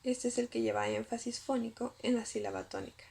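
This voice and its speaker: Woman reading a lesson script, raspy creaky voice, says the syllables out slow. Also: on the high side, little pitch movement, a little mellow. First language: Spanish. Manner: reads carefully, spells out syllables slowly. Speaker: student presenter.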